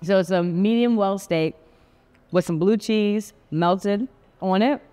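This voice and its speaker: A woman's voice: mid-range voice, slow pace, warm tone, clean tone. A young woman hosting a casual dinner-table interview, upbeat and chatty, with lots of slang. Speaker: host.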